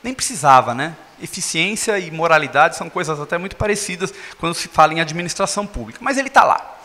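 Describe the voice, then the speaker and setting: A man's voice: a little high, expressive, quick pace, pushed and bright. A man giving an explanatory public lecture with a handheld mic in a council chamber. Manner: explanatory, gesturing while speaking. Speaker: lecturer, municipal attorney. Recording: long reverb of a hall.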